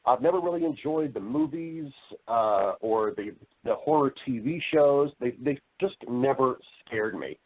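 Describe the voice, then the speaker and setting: A middle-aged American man, a voice-over artist and storyteller appearing as a podcast guest, shares personal stories in a conversational interview. His medium-pitched voice is expressive and unhurried, earnest and emphatic, often repeating phrases, over narrow-band, radio-like call audio.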